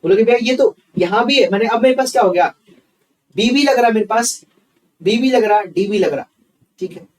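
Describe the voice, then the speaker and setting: Quick, high-voiced man teaching. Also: far from the mic, poor audio. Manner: talks himself through sums aloud, repeating each step; calls students bhaiya, asks questions and answers them himself. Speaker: reasoning teacher. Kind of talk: online exam-prep class.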